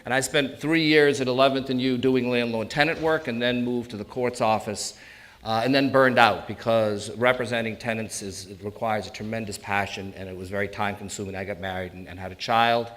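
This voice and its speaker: A man in his sixties, an elder law attorney with a New England accent, presents an informal live talk and banters jokingly with the audience. His voice is fairly low, steady, brisk and fairly bright.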